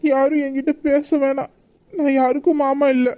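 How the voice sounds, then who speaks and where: A woman's voice: high-pitched, flat delivery, moderate pace, dark tone, lightly acted. A woman voicing a hurt, proud young man in love, in a romantic audio drama, talking in a sulking, reproachful way. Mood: hurt, angry.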